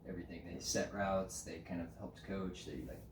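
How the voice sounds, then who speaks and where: A man with a lowish voice, a podcast guest from the United States, recounts his story casually and with a lively, laughing energy. He sits a little off the microphone in a roomy space. Faint background noise sits under the voice. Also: moderate pace, recorded from a distance. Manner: animated, often laughing, frequent "like" fillers. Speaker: podcast guest, climbing route setter.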